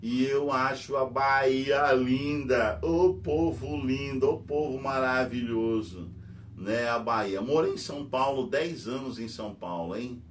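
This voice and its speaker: A middle-aged Brazilian teacher hosts a news channel, rambling through casual commentary full of fillers and tag questions at a measured pace. His voice comes from a distant mic with a faint rumble.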